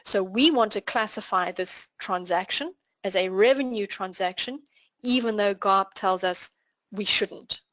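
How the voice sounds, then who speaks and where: A woman with a South African accent, teaching a finance class online and walking through examples in a clear, explanatory way. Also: mid-range voice, a little slow, fairly bright tone, no echo, dull audio. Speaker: finance instructor. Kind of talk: live online class lecture.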